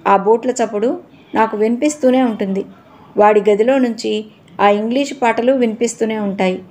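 Brief: woman narrator voicing a middle-aged mother mourning her son, tearful and pleading, storybook reading, fairly high voice. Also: moderate pace, darkish tone, close to an everyday voice. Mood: grief-stricken.

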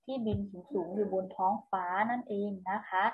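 A woman, a kindergarten teacher, giving a recorded lesson to young children, speaking slowly in a gentle sing-song way and softening nearly every phrase. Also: medium pitch, husky, phone-quality sound. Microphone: home video recording.

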